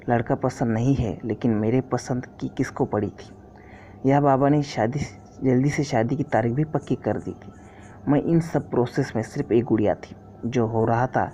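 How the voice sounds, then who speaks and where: A man narrating a first-person story in a steady, earnest scripted reading. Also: medium pitch, measured pace. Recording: dull lo-fi recording, faint hiss.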